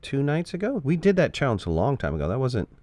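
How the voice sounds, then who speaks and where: A man's voice: mid-range voice, huge pitch swings, fast talker, mellow, no echo. A man chatting casually with his viewers while he streams a game, joking around and answering chat.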